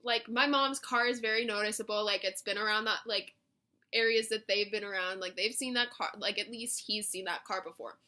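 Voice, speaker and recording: A woman's voice: mid-range voice, steady tone, a little fast, sharp tone. A young woman telling a storytime vlog in a chatty, rambling way, full of "like" and little self-mocking laughs. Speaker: vlogger.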